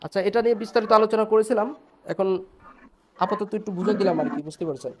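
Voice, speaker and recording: A man's voice: high voice, quick pace. Male teacher, patient step-by-step explainer, faint noise behind. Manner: explains step by step, checks in with students. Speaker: English teacher. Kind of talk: online class lecture.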